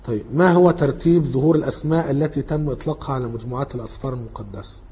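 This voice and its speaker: A man's voice: mid-range voice, very fast, warm tone. A man with an Egyptian Arabic accent giving an informal lecture, working through study questions and thinking aloud as he corrects himself.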